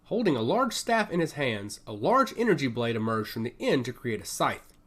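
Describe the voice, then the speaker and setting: A man narrates a scripted action story in a dramatic audiobook style. His medium-pitched voice carries lively, varied intonation at a moderate pace.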